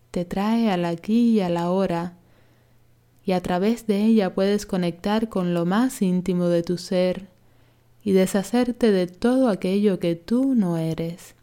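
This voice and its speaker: In a mid-range voice, a woman working as a yoga instructor talks listeners through a guided relaxation, her instructions gentle and her manner calm and soothing.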